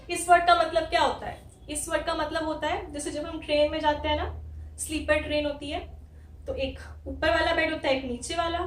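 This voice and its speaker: Indian lady teacher, high voice, spells stuff out slow, echoey room a bit off mic. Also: recorded from a distance. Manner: slow, careful, spells out sounds letter by letter. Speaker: English teacher. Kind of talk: spoken language lesson.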